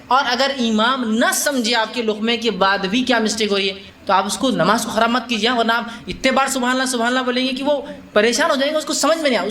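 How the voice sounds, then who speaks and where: A man with a high, fairly bright voice, an Islamic preacher, gives a religious lecture to a live gathering in a conversational style. He asks the audience questions, mixes in English words, and acts out little scenes and quotes with laughter.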